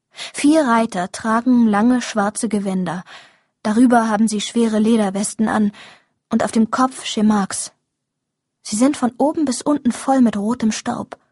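A woman reads a first-person audiobook in a steady, measured way. Her voice is husky and fairly high, recorded dry and close with no room echo. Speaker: audiobook narrator.

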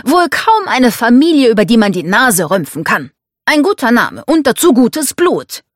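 A woman's voice: on the high side, very animated, normal speed, no room sound, studio quality, pitched above the performer's own voice. A woman reading the part of a domineering, scornful rich American father in an audiobook. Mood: commanding, scornful. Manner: commanding, scornful.

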